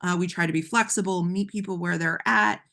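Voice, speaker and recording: A woman presenting a training webinar over a call explains things patiently in a somewhat low voice that is a bit hoarse because she's losing it. Her delivery is loose and conversational, full of ums and restarted phrases, brisk, pushed, and bright with fairly even intonation.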